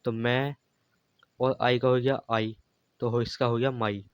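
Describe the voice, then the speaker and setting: A man's voice: medium pitch, little pitch movement, measured pace, smooth, no room sound. A man teaching a beginners' English phonics lesson, patiently spelling words out letter by letter and repeating them. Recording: dry, slightly dull lo-fi recording.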